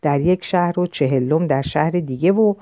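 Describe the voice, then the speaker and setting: A woman narrates a novel in the first person, reading in a measured, literary way. Her voice sits low. The recording is dull and lo-fi, close and dry, with no room echo. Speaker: audiobook narrator.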